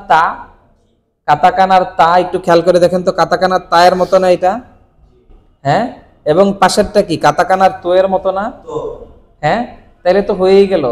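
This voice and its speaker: A man teaching a Japanese kanji lesson, asking questions and answering them himself with steady repetition. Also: sits high, in a large hall. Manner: asks questions and answers them himself, repeating key words.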